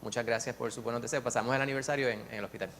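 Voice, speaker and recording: A man sharing at a church Bible study, earnest and lively, telling stories with many restarts and asides. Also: mid-range voice, very fast, vocal fry, slight background noise. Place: church classroom.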